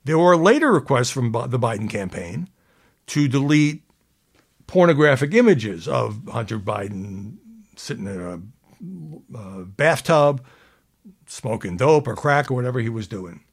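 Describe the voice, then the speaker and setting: A man's voice: mid-range voice, lively intonation, unhurried, husky. A man hosting political commentary, reading quotes aloud and adding sardonic asides.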